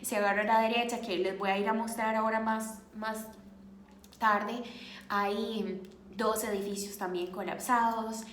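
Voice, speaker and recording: A woman with a Costa Rican accent speaks to her viewers in a casual vlog, earnest and thoughtful, pausing often to find her words. Her voice sits a little high. The room is echoey, with a faint hiss behind her. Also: steady tone. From Costa Rica. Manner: earnest and reflective, searching for words. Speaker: vlogger. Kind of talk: casual vlog talk to camera.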